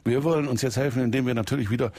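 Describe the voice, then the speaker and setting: A man's voice: medium pitch, steady tone, very fast, darkish tone, no echo, clean studio sound. A man hosting a radio call-in show, conversational and a little hesitant. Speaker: radio host.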